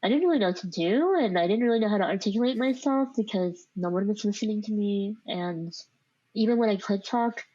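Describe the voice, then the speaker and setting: With a warm, slightly rough mid-range voice, a woman speaks briskly as a podcast guest recounting her life. She has a speech impediment, was born in Vietnam and grew up in the United States, and tells her story in a reflective, informal way peppered with "like," while the audio has its highs cut off.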